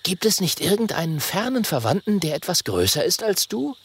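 An earnest, curious young dragon boy asks questions in a children's audiobook, as a man puts him on. The voice is lifted a little above a grown man's usual register and stays friendly and lively. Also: high voice, fairly quick, a little hiss or hum, voice pushed up.

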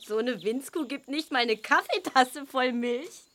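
A woman playing a spirited, warm-hearted teenage farm girl in a children's audio drama, eager and girlish. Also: high voice, animated, a little slow, heavily acted. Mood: tender.

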